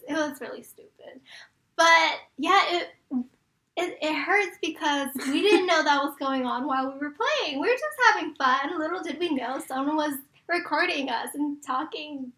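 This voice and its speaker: A woman's voice: sits high, animated, normal speed, sharp tone. A young woman co-hosting a podcast, telling a rambling story with lots of fillers. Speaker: podcast co-host. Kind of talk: casual chat.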